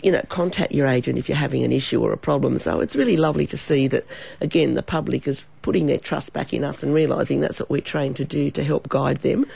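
A woman with an Australian accent, hoarse and croaky from a cold and sore throat, chatting as a travel expert in a radio interview. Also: extremely low pitch, steady tone, fast, dark tone, dry recording. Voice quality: croaky, husky.

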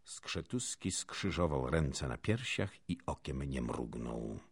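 A man narrating an audiobook with a dramatic, expressive delivery. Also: rumbling low, takes it slowly, gravelly, husky, dry recording, clean studio sound. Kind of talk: audiobook reading of a historical novel.

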